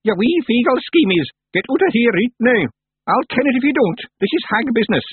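A man puts on a fierce, blind old witch from a storybook, sharp-tongued and loud, her voice pitched high above his own. The tone is husky and dry. It sounds squeezed through a narrow, phone-like band. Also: big pitch swings, a little fast, no room sound, heavily acted. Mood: commanding.

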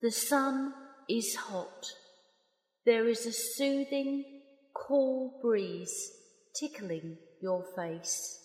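A woman slowly leading a guided meditation in a calm, soft, unhurried voice with long pauses. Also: on the high side, faint music behind. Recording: roomy long reverb.

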